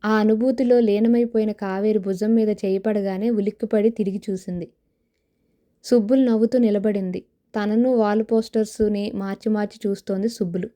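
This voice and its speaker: A woman narrating an audio novel in a steady, even storytelling manner. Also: medium pitch, normal speed.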